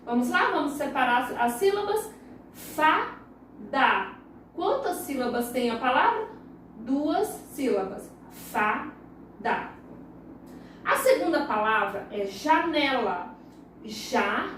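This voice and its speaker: Slow, patient Brazilian woman teacher, echoey room. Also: high voice, expressive, slight background noise. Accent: Brazilian Portuguese. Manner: slow, patient, drawing out words syllable by syllable. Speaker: primary school teacher. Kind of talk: recorded lesson for young children. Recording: very echoey room, voice far from the mic.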